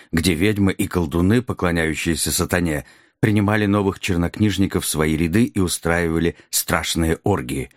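A grim, battle-hardened knight, voiced by a man for an audiobook. The voice is very deep, the delivery solemn and weighty. Dry, close recording. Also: no echo, natural voice. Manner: grave, solemn storytelling. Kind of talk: audiobook character reading.

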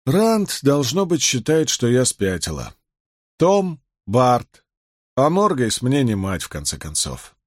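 A man voicing a tipsy young noblewoman, proud and emotional, speaking a little higher with an indignant edge. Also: expressive, moderate pace, no room sound, clean studio sound, close to an everyday voice.

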